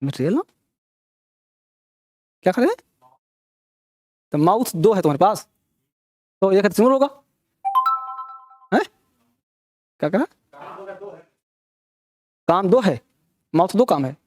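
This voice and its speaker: A man's voice: sits high, sing-song, takes it slowly, pauses often, a little mellow, no room sound, faint music behind. A man teaching an English grammar class, teasing and scolding his students as he quizzes them with rhetorical questions. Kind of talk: classroom lecture.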